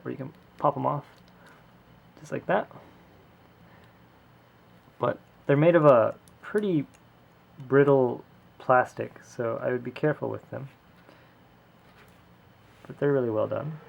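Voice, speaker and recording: Gravelly-voiced man casually reviewing a toy. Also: mid-range voice. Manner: relaxed, rambling, many fillers. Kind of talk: casual hands-on product review. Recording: lo-fi home video audio.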